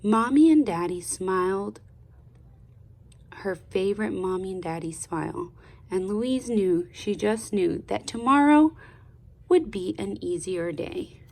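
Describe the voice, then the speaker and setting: Guiding young listeners like a teacher, a woman who works as a speech therapist reads a storybook aloud and pauses to prompt the child. Her mid-range voice carries a noticeable creak, and her expressive reading is very slow and deliberate.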